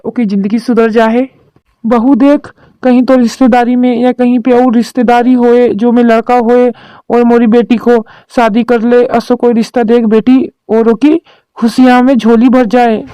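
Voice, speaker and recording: A woman's voice: a little high, mellow, no echo, close to an everyday voice, rough recording. A woman voicing a worried rural mother-in-law in a cartoon drama, talking in a homely village dialect.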